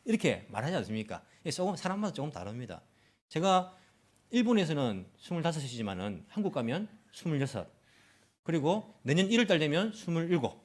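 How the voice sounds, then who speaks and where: A male pastor delivers a Sunday sermon in a church. His voice sits a little higher than most men's and swings widely in pitch. He keeps asking his listeners questions and acts out the lines he quotes. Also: big pitch swings, fairly quick. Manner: asks the congregation frequent questions. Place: church in Tokyo.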